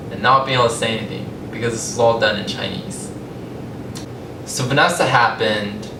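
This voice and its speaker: Giving a public talk, the young Californian founder of a language company tells personal stories in a conversational, measured way, pausing deliberately between phrases. His medium-pitched American voice sounds distant in an echoey space, over loud rumbling noise.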